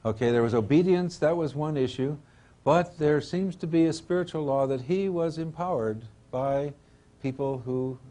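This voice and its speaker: A man's voice: a little high, moderate pace, dark tone. An older man giving an informal religious lecture in a rambling, professorial manner, trailing into asides and hesitant repetitions.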